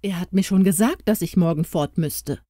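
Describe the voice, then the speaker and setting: A woman's voice: lowish voice, moderate pace, mellow, no echo, studio quality, natural voice. Woman reading as a wary young fairy-tale lad. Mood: wary, doubtful. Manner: doubting, sighing.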